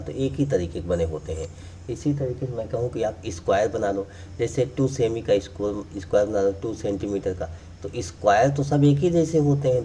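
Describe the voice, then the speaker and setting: A man's voice: on the low side, mellow, far from the mic, slight background noise. A man teaching math, explaining step by step while drawing and repeating key points. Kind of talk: classroom explanation.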